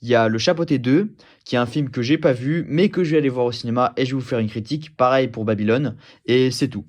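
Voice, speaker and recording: A man breaking in with a casual, informal aside to his viewers, listing films in quick succession. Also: medium pitch. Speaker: film reviewer.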